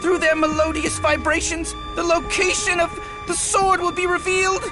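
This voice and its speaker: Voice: extremely high pitch, flat delivery, normal speed, over music. An actor voicing a pompous, huffy lemon earl who speaks formally in a cartoon. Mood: indignant. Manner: formal, shrieking indignation. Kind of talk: cartoon voice acting.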